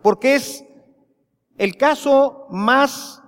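A Mexican man preaches with a high, ringing voice, taking each phrase slowly and with weight. His pleas swell with feeling, and his words hang in a long church reverb. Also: fairly bright tone. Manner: slow and emphatic, rising to impassioned pleas. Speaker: priest. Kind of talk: sermon.

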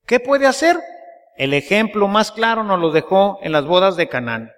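High-voiced preacher in a reverberant church. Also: male voice, animated, normal speed, fairly bright tone. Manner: folksy storytelling, keeps asking the congregation to agree. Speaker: priest. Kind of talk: sermon.

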